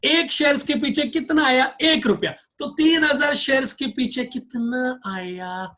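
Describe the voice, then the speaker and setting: A man's voice: very high voice, a little slow, sharp tone. A male accounts teacher giving a classroom lecture, drilling his students with repeated questions.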